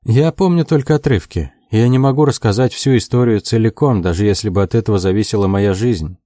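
A weary, bewildered young man who gropes for his memories, his words faltering, as a man reads him in the book. His voice is mellow and dry, heard close to the mic. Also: lowish voice, fairly quick, no room sound, lightly acted. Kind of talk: audiobook character voice.

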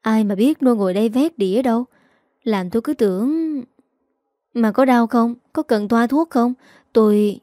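A woman voicing a kind young wife in a country household who speaks gently and fusses over those around her. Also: on the high side, normal speed, no echo, studio quality, natural voice. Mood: flustered.

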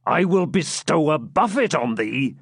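A man's voice: fairly high pitch, big pitch swings, a little slow, a bit bright, breathy edge, no room sound, clean studio sound, voice pushed up, exaggerated voice. A man doing a blustering brawny friar. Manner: bluff, blustering archaic speech. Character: brawling, boastful burly male friar.

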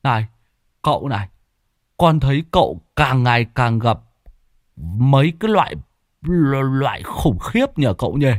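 A man voicing a rough young laborer who talks bluntly and grumbles. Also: mid-range voice, sing-song, a little slow, long pauses, dry recording, clean studio sound, pitched above the performer's own voice. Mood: grumbling.

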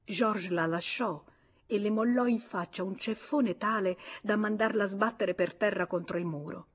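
A woman reads a classic novel aloud in a measured, expressive way. Her voice is husky and breathy at a middle pitch. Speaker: audiobook reader. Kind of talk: scripted literary narration.

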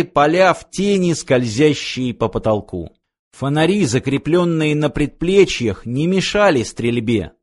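A man's voice: mid-range voice, darkish tone. Man narrating an audiobook steadily. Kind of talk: scripted narration.

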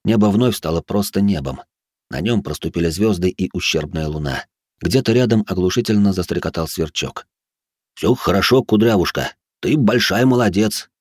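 Low-voiced male audiobook narrator. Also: normal speed, slightly rough, no echo, studio quality. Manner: dramatic, expressive reading. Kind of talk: scripted narration.

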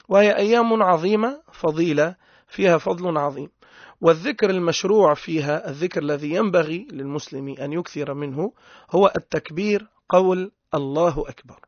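A man's voice: on the high side, dry recording. A Tunisian man teaching a religious lesson in an emphatic way, mixing dialect with formal speech and drawing out words to show mistakes. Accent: Tunisian Arabic. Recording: dull lo-fi dry recording.

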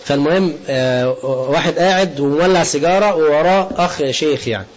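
A preacher with an Egyptian Arabic accent gives a colloquial religious lesson, often posing a question to the audience and then answering it himself. His voice is a little high and brisk, and the lecture recording is dull and lo-fi.

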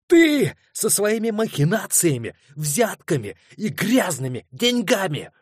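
A man reading an audiobook voices a shrill, melodramatic middle-aged woman who shrieks her accusations. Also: expressive, normal speed, no echo, clean studio sound. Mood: shrieking.

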